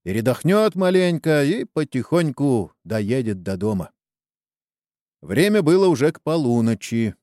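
A man narrating a story in an expressive storytelling manner, as an audiobook. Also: mid-range voice, a little slow, no echo, studio quality.

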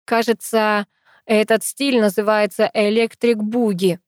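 A woman's voice: medium pitch, flat delivery, a little slow, dry recording, studio quality, natural voice. A woman voicing a teasing young man. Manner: playful, mocking banter. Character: teasing young man, Polina's best friend.

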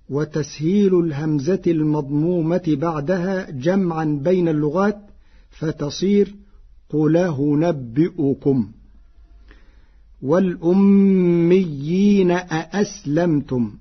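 A man with a slightly high, husky voice gives a measured religious radio lesson on Quran recitation. He speaks very slowly and drops into a chanted cadence when quoting words. The sound is a dull, lo-fi radio broadcast. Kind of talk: explanatory religious radio talk.

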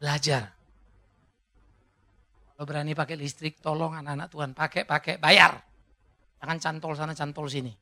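A man preaching a sermon as pastor, lively, joking with the congregation and rising to shouted climaxes. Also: a little high, normal speed, creaky, pauses often.

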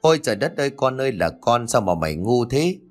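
A man's voice: mid-range voice, big pitch swings, quick pace, soft background music, lightly acted. A man voicing a furious, domineering wealthy old mother who scolds with harsh insults. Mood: enraged.

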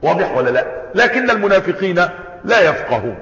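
A man's voice: high-pitched, very animated, quick pace, fairly bright tone. A man with an Egyptian Arabic accent giving a religious lesson, moving between formal recitation and colloquial explanation, and putting rhetorical questions to his listeners. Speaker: sheikh teaching a creed commentary. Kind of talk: lecture-style religious lesson. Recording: echoey hall, dull lo-fi sound.

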